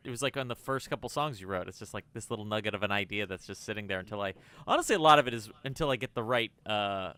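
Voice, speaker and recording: Crisp, dry-sounding podcast host. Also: male voice, lowish voice, fast, few pauses, sharp tone, no echo. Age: 30s. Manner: rambling, self-deprecating. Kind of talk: casual chat.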